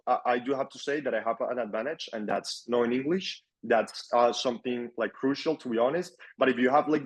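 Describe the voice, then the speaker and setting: Young Colombian man chatting casually. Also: medium pitch. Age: young adult. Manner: relaxed, repeats words for emphasis. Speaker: guest, agency owner. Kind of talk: casual interview chat.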